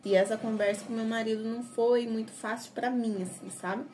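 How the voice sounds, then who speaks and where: A woman's voice: fairly high pitch, steady tone, a little fast, a little mellow. A young adult woman with a Brazilian Portuguese accent tells her personal story in a chatty, rambling way, full of tag questions. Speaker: convert telling her story. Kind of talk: casual personal testimony. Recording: noisy background. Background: noise in the background.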